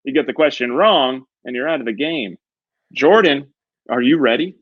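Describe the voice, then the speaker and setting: A man playing a smug, theatrical TV game show host with a booming prize-announcer delivery and drawn-out build-ups. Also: expressive, muffled recording, lightly acted. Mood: dramatic build-up.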